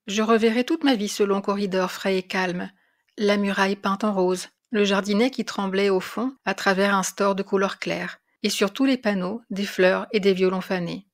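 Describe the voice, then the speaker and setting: A woman reads a classic tale aloud with measured, expressive phrasing. Her voice sits at an average pitch, and she tells the story steadily in a scripted narration. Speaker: reader of literary classics.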